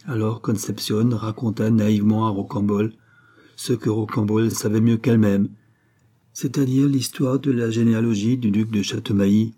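Low husky male narrator. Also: warm tone. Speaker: audiobook narrator. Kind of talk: scripted narration of a classic novel.

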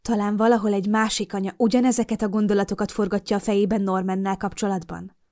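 A young adult woman narrates a novel in the first person, voicing the heroine's thoughts. Her reading is gentle and reflective, with an average pitch. It is recorded close on a studio microphone. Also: level tone. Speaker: audiobook narrator.

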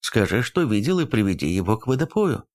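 A man's voice: fairly low pitch, very animated, brisk, darkish tone. A man voicing a stern, worried village mother in an audiobook, giving orders in a commanding way.

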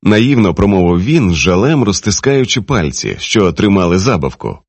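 A man narrating an audiobook in a lively, dramatic reading style. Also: deep voice, moderate pace, breathy edge, no echo. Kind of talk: expressive literary narration.

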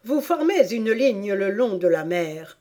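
A woman reading an audiobook voices a boisterous griffin creature that bursts out in loud exclamations. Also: mid-range voice, very animated, takes it slowly. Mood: excitable.

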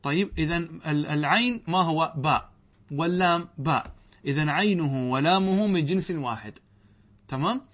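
Man, middle-aged, fairly high voice, grammar teacher, lesson commentary, asks and answers his own questions. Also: normal speed, a bit bright. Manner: explains step by step, asks questions then answers them. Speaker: sheikh teaching Arabic grammar.

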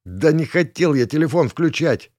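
A male reader voicing a tense, rattled male colonel who shouts his lines in an audiobook. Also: a little high, lively intonation, normal speed, no echo, clean studio sound, pitched above the performer's own voice. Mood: grumbling. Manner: shouting, strained. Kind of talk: audiobook character voice.

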